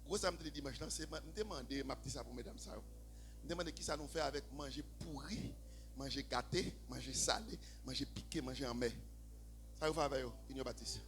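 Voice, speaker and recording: A man with a Haitian accent preaching a sermon in church, swinging from low, quiet talk to shouted, half-sung preaching. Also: fairly quick, soft background music. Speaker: pastor. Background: faint keyboard.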